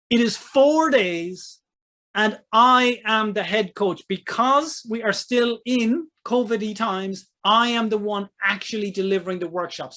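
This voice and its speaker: A man with a notably high voice hosts a live webinar as a business coach. He pitches with eager, salesy energy. He keeps tagging his sentences with quick "right?" and "okay?" check-ins. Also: a bit bright.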